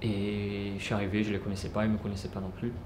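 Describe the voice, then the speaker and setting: A man telling his life story casually, unhurried, with many fillers and restarts. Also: lowish voice, monotone. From French Guiana. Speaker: musician. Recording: roomy with clear background noise.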